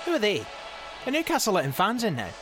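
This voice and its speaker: A man's voice: high voice, huge pitch swings, quick pace, music in the background. A man playing a sardonic football sporting director in a comedy audio drama, teasing his boss and calling him pal.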